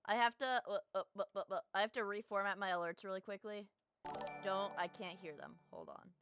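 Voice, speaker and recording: A woman's voice: mid-range voice, very animated, brisk, fairly bright tone, soft background music. A young woman livestreamer chatting casually with her viewers in a cute anime-streamer manner, gushing and swearing freely.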